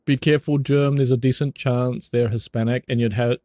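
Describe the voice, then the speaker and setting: A man's voice: mid-range voice, fairly even intonation, a little fast, dark tone, dry recording. A young man with a New Zealand accent chatting casually with his viewers, loose and jokey, swearing freely and laughing often. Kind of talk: casual chat.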